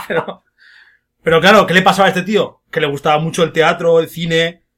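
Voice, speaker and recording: On a loose, comedic film podcast, the male host speaks briskly in a bright, forward voice that sits a little high and stays steady in tone. He tells stories with a jokey edge and puts on silly voices for quotes.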